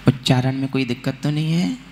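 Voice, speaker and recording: A man leading a recitation class, explaining pronunciation quickly and then chanting the verse lines slowly and loudly. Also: mid-range voice, slight background noise. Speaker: Jain monk teaching recitation. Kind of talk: recitation class, teaching pronunciation of a Sanskrit hymn.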